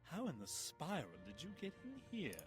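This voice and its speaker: An actor playing a menacing, mocking undead figure in a video game. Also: male voice, on the high side, huge pitch swings, moderate pace, faint music behind. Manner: sinister, mocking. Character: menacing undead male tomb lurker.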